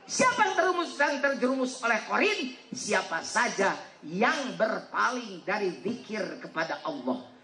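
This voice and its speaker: A West Javan preacher delivers a humorous sermon in a high voice with big pitch swings, speaking a little slowly with a sharp edge. He jokes and teases the congregation, coaxing them to answer back. The echoey hall carries a faint crowd and slight background noise.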